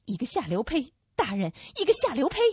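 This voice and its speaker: A woman's voice: fairly high pitch, very animated, a little fast, darkish tone, husky, no echo, pitched above the performer's own voice, heavily acted. A woman voicing a wily, fawning female schemer in radio storytelling. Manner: fawning, insinuating. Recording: dull lo-fi recording.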